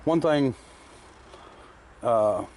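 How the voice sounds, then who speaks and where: Very slowly and expressively, in a mid-range voice over a noisy background, a man rambles through a casual shop vlog in his garage workshop. He chews candy while plainly describing his car restoration work, using lots of fillers.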